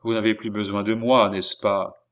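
A man playing a calm, imperious count who hypnotizes people, speaking in measured commands. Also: on the low side, natural voice.

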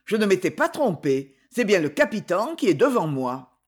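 Haughty sneering nobleman, played by the narrator, loud and lively, for a storybook. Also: medium pitch, normal speed. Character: arrogant scornful nobleman duke, sneering.

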